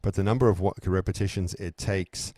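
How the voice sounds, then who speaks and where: A man's voice: low-pitched, fairly even intonation, a little fast, mellow, dry recording, clean studio sound. A man born in South Africa, co-hosting a parenting discussion and talking things through thoughtfully with frequent restarts. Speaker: podcast co-host. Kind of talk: conversational discussion.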